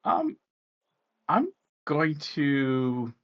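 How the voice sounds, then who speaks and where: A man's voice: medium pitch, very slow. A man playing a tabletop game, hesitant with many fillers, over dull lo-fi online audio. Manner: hesitant, animated. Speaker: player.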